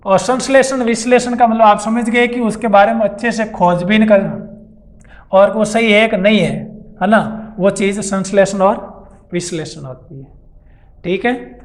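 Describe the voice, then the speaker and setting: High-voiced teacher explaining Hindi grammar. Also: male voice. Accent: Rajasthani Hindi. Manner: explanatory, repeats key terms, asks and answers own questions. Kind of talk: classroom-style grammar lesson. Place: classroom or coaching center.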